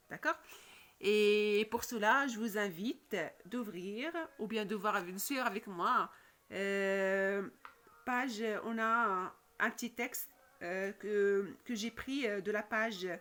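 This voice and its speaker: A woman teaching a phonics lesson to children, patient and repetitive, often checking with a quick question. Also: a little high, sharp tone. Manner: slow, patient, repeats questions and checks with "d'accord?".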